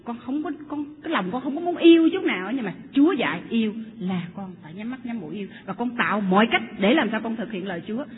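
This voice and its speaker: A brisk, fairly high-voiced middle-aged woman preaches to a congregation. She keeps asking her listeners questions and drops English phrases into her talk. Her voice echoes through a hall and comes over a thin, phone-like line. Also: expressive, slightly rough. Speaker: marriage counselor and church speaker. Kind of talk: sermon.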